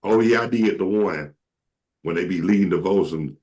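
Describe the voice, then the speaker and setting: A show host from Atlanta, Georgia, with a very deep, darkish voice, runs a casual chat at normal speed. He jokes, tells stories and slips into comic impressions.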